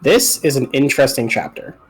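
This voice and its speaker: A man's voice: mid-range voice, animated, a little fast, slightly rough, rough recording. A man in casual chat during a game playthrough.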